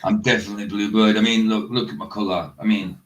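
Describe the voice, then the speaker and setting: A man's voice: fairly low pitch, steady tone, quick pace, slight background noise. A Scottish man from the northeast of Scotland hosting a livestream, chatting in a rambling way and laughing often. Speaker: livestream host. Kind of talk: casual chat.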